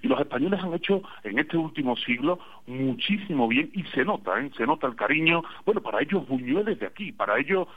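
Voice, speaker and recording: A man's voice: fairly high pitch, sing-song, brisk, hardly any pauses, breathy edge. A Spanish man with an Andalusian accent, a radio guest calling in and chatting casually, a digressive storyteller with wry humor. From Spain. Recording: tinny phone line.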